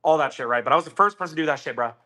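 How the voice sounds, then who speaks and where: A man with a slightly high, bright, forceful voice tells a story in loose, animated chat. He swears a lot and slips into quick impressions of the people he met. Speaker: podcast guest.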